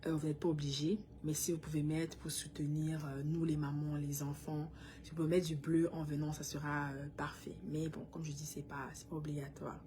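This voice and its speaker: A woman's voice: low-pitched, level tone, fairly quick, warm tone, slight background noise. A woman from Cameroon with a Cameroonian French accent, a mother talking earnestly and directly to other parents, sometimes switching into English. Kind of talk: casual direct-to-camera talk.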